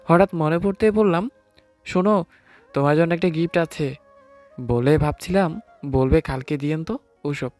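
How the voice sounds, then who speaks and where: A man in his late twenties plays a timid, nervous newlywed husband narrating his own story in an audio romance, mixing first-person narration with acted dialogue. His voice is a little high and a little mellow, close to everyday speech, at normal speed with frequent pauses, and he sounds hesitant and sheepish. Music plays in the background.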